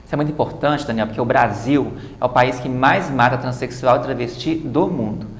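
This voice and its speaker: A woman's voice: very deep voice, a little fast, roomy sound. A woman guest in a TV studio interview, explaining at length and often adding "né" tags. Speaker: guest author and activist.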